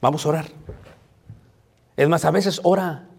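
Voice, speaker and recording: A man's voice: on the high side, measured pace, vocal fry, slightly rough. A man preaching a marriage sermon, conversational and playful, asking the audience questions. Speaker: pastor. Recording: long reverb of a hall.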